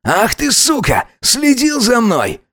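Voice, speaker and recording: A man putting on a shrill drunk boyfriend. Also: normal speed, no room sound, studio quality, close to an everyday voice. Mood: furious. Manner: mocking, shrill, aggressive. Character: drunk spiteful young man, cheating boyfriend.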